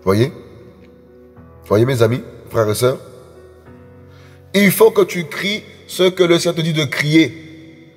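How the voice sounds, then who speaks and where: Male preacher, husky and fervent, repeats his points, long hall echo. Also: on the high side, sing-song, slow, pauses often. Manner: emphatic, repetitive, addresses the congregation as friends. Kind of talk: sermon. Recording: echoey hall with faint music.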